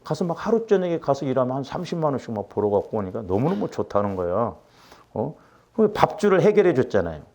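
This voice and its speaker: A man's voice: medium pitch, fast, creaky. A middle-aged man preaching as a pastor, telling a personal story and acting out the quotes. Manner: animated, acts out quotes with rising intensity. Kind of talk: sermon with storytelling.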